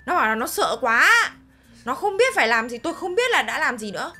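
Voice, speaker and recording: A woman co-hosting a game video, excitably narrating what happens as she plays. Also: sits high, brisk, slightly rough, soft background music. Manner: excitable, narrates the story aloud. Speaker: gaming channel co-host. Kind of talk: casual game commentary.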